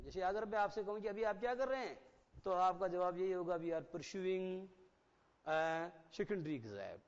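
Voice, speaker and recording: A man teaching an English lesson to children, reading lines out slowly and explaining them with questions to the class. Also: sits high. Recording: dull lo-fi sound with long hall reverb.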